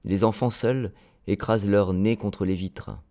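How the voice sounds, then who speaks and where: A man voicing a gentle, wondering little boy prince in an audiobook, speaking earnestly and tenderly. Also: fairly low pitch, steady tone, unhurried. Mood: curious.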